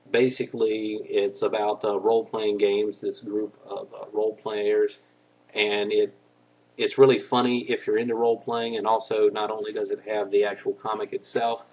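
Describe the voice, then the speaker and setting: Husky man casually reviewing comics. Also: on the low side, lo-fi sound. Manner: relaxed, stops often with fillers. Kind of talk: casual show-and-tell review.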